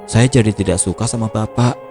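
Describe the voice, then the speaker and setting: A man's voice: fairly low pitch, fairly quick, natural voice. A man voicing a curious young mother who asks questions directly. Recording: music playing behind.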